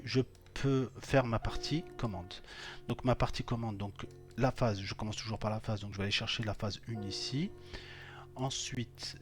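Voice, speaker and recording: A man teaching electrical wiring, walking through each step on screen as he clicks, with many hesitations and fillers. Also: lowish voice. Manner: thinks aloud while clicking, many fillers. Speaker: electrical instructor. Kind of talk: screen-recorded software tutorial.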